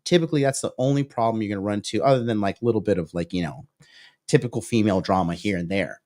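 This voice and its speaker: Fast and darkish, his fairly low voice carries a livestream whiteboard lecture from a dating coach in his thirties. He reads out viewer comments and answers them, studding his points with "okay?" and "right?", in a studio-quality recording with no echo.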